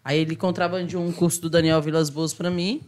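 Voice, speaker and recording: A woman's voice: deep voice, flat delivery, darkish tone. A woman stand-up comedian, chatting casually and tossing in jokes. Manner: joking, quick asides. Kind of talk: casual chat.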